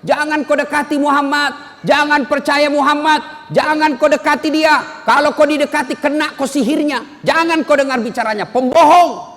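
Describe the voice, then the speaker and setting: A man playing a suspicious blind old man who shouts accusations in a sermon story. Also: very high-pitched, steady tone, a little fast, pitched above the performer's own voice. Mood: ranting. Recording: long hall reverb.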